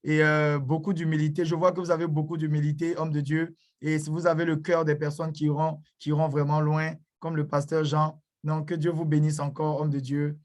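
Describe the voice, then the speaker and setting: A man's voice: on the high side, flat delivery, fairly quick, hardly any pauses, darkish tone. A man speaking at an online church conference, greeting and blessing people with frequent hesitations.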